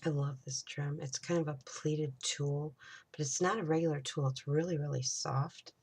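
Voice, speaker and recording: A woman's voice: deep voice, steady tone, moderate pace, a little mellow, husky. A woman hosting a casual crafting tutorial, chatting and thinking aloud as she works, sometimes dropping to a whisper.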